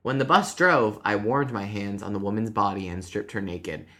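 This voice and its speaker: Woman doing a grim russian killer guy, flat confession read-out, real deep and bright. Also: moderate pace. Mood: reading flatly. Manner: flat confession read aloud, breaking into giggles. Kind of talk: true crime podcast reading.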